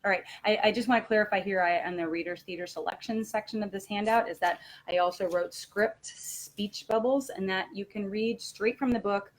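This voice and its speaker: A woman with a medium-pitched voice gives an informal instructional webinar talk as a teacher trainer, halting and correcting herself as she explains. The recording quality is low.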